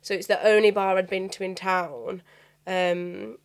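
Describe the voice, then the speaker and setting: A woman's voice: on the low side, measured pace. A young woman with a Birmingham accent chatting as an interview guest, rambling through stories with lots of "sort of" and "like". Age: young adult. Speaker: bar owner, interview guest. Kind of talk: storytelling interview chat.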